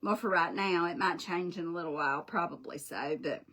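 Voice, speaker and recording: A woman with a drawl hosts a home craft livestream, rambling in a folksy, friendly way as she paints. Her voice is bright and forward, picked up close by a desk mic in a small craft room. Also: fairly low pitch, brisk, breathy edge. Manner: chatty, folksy, greets viewers by name. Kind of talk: casual livestream chat while painting.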